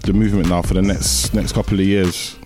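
A man's voice: low-pitched, flat delivery, fairly quick. A man with a London accent hosting a casual music interview, talking in slangy roadman style. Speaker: podcast host.

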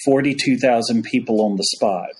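A man's voice: medium pitch, normal speed. A man, a priest as podcast guest, telling a story in a casual folksy way. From United States. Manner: folksy storyteller, frequent "y'all".

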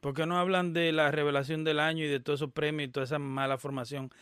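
A man's voice: on the high side, level tone, quick pace, fairly bright tone, clean tone, no room sound, clean studio sound. Emphatic man commenting over a clip. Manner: emphatic, opinionated, interrupts the clip to explain. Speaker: commentator reacting to an interview clip. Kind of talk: casual commentary.

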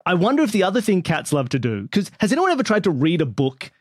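Aussie guy on a comedy quiz panel, high bouncy voice, super dry sound. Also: fast talker, no echo. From Australia. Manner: animated, rambling storyteller.

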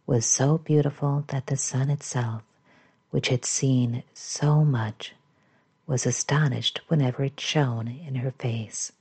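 Slow, soft, breathy bedtime storyteller. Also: mid-range voice. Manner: gentle, soothing, hushed, drifting into whisper. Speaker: host and narrator of bedtime stories for adults. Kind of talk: soft soothing guided relaxation and bedtime storytelling.

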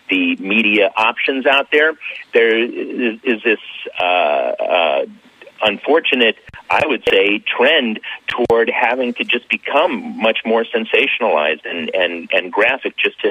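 A man calling in as a guest expert, answering at length in a halting way with many fillers. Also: on the low side, husky, muffled recording. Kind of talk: phone-in interview answer.

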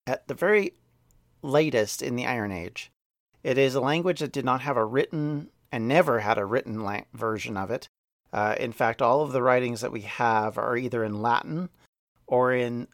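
Male podcast host, mid-pitched, unscripted history explainer, slows down for emphasis, dry close-mic sound. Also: no room sound. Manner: thoughtful, restarts mid-word, slows to stress key words.

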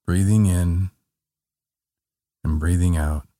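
A man guiding a body-scan relaxation in a calm, meditative tone, gently giving short soothing instructions. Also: low voice, slow pace, dry recording, clean studio sound. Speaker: meditation guide.

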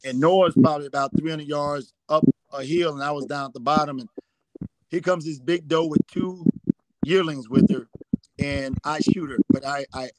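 A man's voice: a little high, fairly even intonation, normal speed, poor audio. A middle-aged man telling rambling hunting anecdotes as a guest, often repeating "I said.". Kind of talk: storytelling anecdotes.

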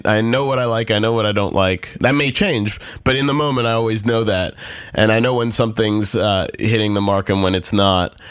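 A man with a fairly low voice chats in a dry, close recording. He speaks as a musician being interviewed, casual and self-deprecating. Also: a bit bright, no room sound. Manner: self-deprecating, laughs easily. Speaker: musician, podcast guest.

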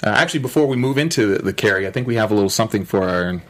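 A man's voice: lowish voice, lively intonation, racing, fairly bright tone. A man co-hosting a TV after-show, recapping an episode in rambling, casual chat. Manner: rambling, with many fillers, acting out quoted lines.

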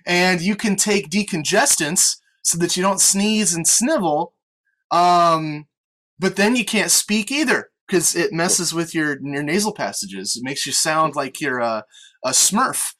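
A man's voice: on the high side, measured pace, fairly bright tone, rough recording. An American man hosting a casual sports podcast, chatting conversationally over an online call. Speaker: podcast host with on-air experience. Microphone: online video meeting call.

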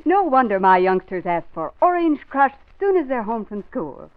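A woman's voice: a little high, very animated, normal speed. An actress playing a cheerful, satisfied mother in a chipper 1950s radio advertisement. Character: cheerful satisfied mother praising a soft drink. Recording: dull old radio recording.

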